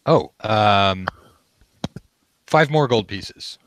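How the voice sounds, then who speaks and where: A man improvising narration as game master of a tabletop game, often halting to search for words. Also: fairly low pitch, animated, fairly bright tone, a little hiss or hum.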